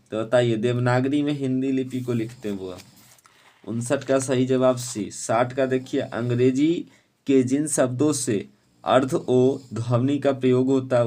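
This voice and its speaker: A man teaching an exam-prep lesson, quizzing students and urging them to answer quickly. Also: mid-range voice, a little mellow.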